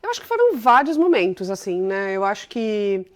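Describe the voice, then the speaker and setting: A Brazilian woman in her forties, a company CEO, tells her life story as an interview guest in a mid-range, sing-song voice at normal speed. She's chatty and enthusiastic, sprinkling little tag questions throughout.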